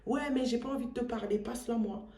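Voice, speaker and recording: A man's voice: very high-pitched, fast talker, creaky, mellow, echoey room, voice pushed up. A woman acting out a pushy young man who keeps pestering her, in a wheedling, insistent way.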